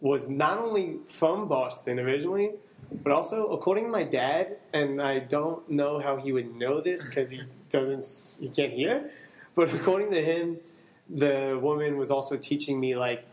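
A man's voice: a little high, normal speed, a little mellow, rough recording. Guy from long island rambling on a podcast, lots of uhs and likes. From Long Island, New York. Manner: rambling, self-correcting, many fillers. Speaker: guest. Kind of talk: casual podcast chat.

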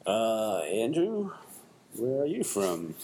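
A man's voice: fairly low pitch, huge pitch swings, mellow. A man hosting a podcast, asking loose questions with many fillers and restarts. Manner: halting questions full of fillers. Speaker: podcast host. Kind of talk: casual interview questions.

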